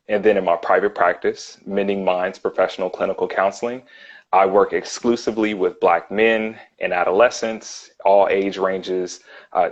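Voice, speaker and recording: A man with a very low, deep voice talks as a counselor in a relaxed interview. He speaks earnestly and thoughtfully, with plenty of ums and restarts. The audio is dull and lo-fi. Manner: earnest, thoughtful, with frequent ums and repeated words. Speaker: licensed clinical counselor, guest. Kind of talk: casual conversational interview.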